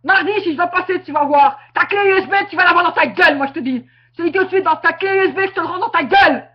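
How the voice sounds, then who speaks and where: Woman, super high voice, angry webcam rant, keeps repeating herself and yelling, muffled audio. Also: quick pace. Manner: confrontational, repetitive, bursts into shouting. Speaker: webcam vlogger. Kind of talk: angry direct-to-camera rant.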